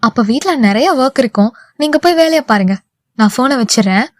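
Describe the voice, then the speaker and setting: A woman's voice: high-pitched, normal speed, no room sound, clean studio sound, close to an everyday voice. Brief: playful, pleading young heroine in an audio novel, read by a woman. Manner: childlike, pleading.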